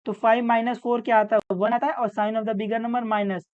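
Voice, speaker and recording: Woman maths tutor, kinda high voice, mix, asks herself questions as she goes, muffled lo-fi audio. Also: flat delivery, a little slow, clean tone. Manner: patient, asks and answers her own questions. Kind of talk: step-by-step maths lesson.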